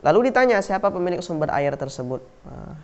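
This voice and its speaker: His voice sits high, sing-song and a little fast, as this Indonesian-accented man lectures on Islamic history. He poses questions and answers them himself, repeats key words, and leans on fillers such as "nah," all captured in dull lo-fi audio.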